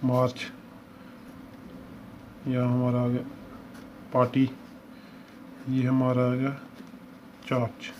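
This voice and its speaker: A man's voice: mid-range voice, monotone, slow pace, long pauses, a little mellow. A man teaching a shorthand lesson, explaining each step patiently and repeating examples as he works through them. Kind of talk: lesson walkthrough. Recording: dull lo-fi recording with faint hiss.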